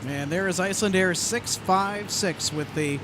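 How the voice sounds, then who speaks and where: A man with a high-pitched voice gives live plane-spotting commentary as a stream host. Clear airport noise, with aircraft and vehicles, runs behind him. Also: a little slow. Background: aircraft, vehicles, airport ambience.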